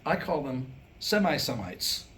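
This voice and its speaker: At a live reading for a small audience, a comedic speaker delivers his own scripted monologue wryly and with mock scholarship, asking rhetorical questions. His mid-range voice swings widely in pitch at a measured pace and sounds a bit bright, with slight background noise.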